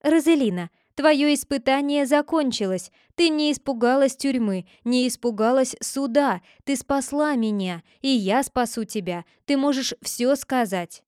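A woman reading a storybook, voicing a tender magical pink bird that speaks softly. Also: high voice, measured pace, few pauses, no room sound, clean studio sound. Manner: soft, tender.

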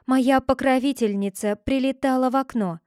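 A poor fairy-tale shepherd girl who speaks quietly and holds firm, as a woman reads her lines. The voice is high, and the sound is dry and close. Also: fairly even intonation, normal speed, dry recording, lightly acted. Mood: calm.

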